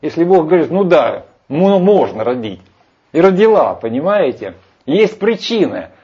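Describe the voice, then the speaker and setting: In a heated discussion, a man lecturing on Vedic scripture argues emphatically, rambling and hesitating. His voice is on the high side and dark with a breathy edge, moving in big pitch swings at normal speed. Everything comes through in dull lo-fi audio.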